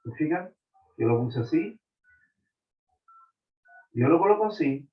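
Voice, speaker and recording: Slow-talking chemistry teacher on a tinny line. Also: male voice, on the high side, expressive, slightly rough. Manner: slow, explains step by step, checks in with students. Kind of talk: online class lecture.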